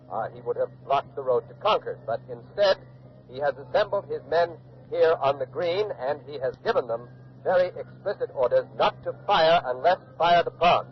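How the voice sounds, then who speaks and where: A man voices an earnest on-the-scene radio reporter covering a colonial standoff for a 1940s docudrama, narrating events live with measured, observant, articulate eyewitness detail. His natural mid-range voice moves at a moderate pace, and the old radio recording sounds dull and hissy.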